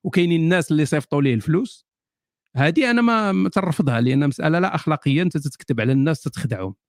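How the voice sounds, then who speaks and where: A rapid-fire Moroccan man answers viewer questions in a loose, joking live Q&A, often breaking into laughter. His voice sits a touch high and sounds close and dry, with no room echo. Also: lively intonation. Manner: jokey, laughs often, sardonic asides. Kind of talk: casual live Q&A.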